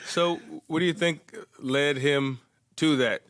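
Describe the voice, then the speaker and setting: A man's voice: a little high, steady tone, slow, fairly bright tone, no room sound. A man interviewing in a casual, agreeable way, affirming what his guest says.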